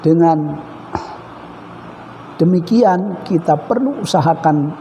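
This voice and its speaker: A male preacher giving a measured religious lecture, reciting Arabic phrases between his explanations. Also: on the high side, lively intonation, mellow, a little hiss or hum. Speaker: Islamic preacher. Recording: dull reverberant hall recording.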